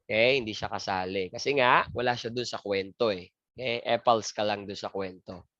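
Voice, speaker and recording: A man's voice: lowish voice, normal speed, a bit bright, dry recording. A man giving an exam review lecture, joking crudely and asking and answering his own questions. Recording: dry, muffled lo-fi lecture audio.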